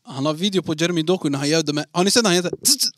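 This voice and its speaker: A man's voice: on the high side, expressive, fairly bright tone. A young man co-hosting a podcast, teasing the others and steering the chat back on track. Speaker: podcast co-host. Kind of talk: casual chat.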